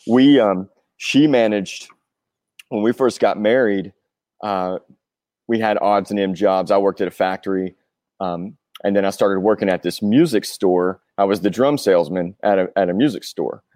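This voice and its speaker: Male, forties, lowish pitch, earnest, reflective, rambling casual interview answers, dry sound. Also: normal speed, a little mellow, no room sound. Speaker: interview guest, touring rock drummer. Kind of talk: casual chat.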